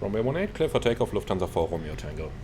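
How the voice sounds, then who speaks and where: Calm male airline pilot on a headset mic, low voice, crisp call-outs over a clear engine drone. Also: very fast. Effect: pilot speaking into a cockpit headset mic. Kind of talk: cockpit checklists and radio calls with commentary to viewers. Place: airliner flight deck. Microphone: headset boom mic. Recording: steady cockpit air and engine hum.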